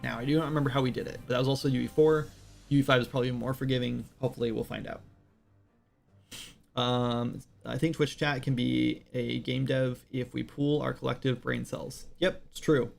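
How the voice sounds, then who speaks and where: A man in his late thirties chats casually on a game development livestream while working, rambling and self-deprecating with lots of fillers. His medium-pitched voice is steady, brisk, and creaky over soft background music.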